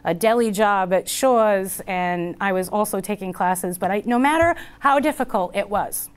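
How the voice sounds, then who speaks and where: A woman's voice: mid-range voice, normal speed, clean tone. A woman student telling her story in an interview, earnest and heartfelt, with many "you know" fillers. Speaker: community college student. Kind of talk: interview testimonial.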